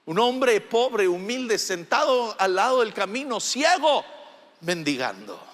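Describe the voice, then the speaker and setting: Man, pastor, sermon, slow and drawn out, emphatic, sometimes shouting, long echoing reverb. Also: high-pitched, very animated. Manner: emphatic, rising to shouts, asks the congregation questions.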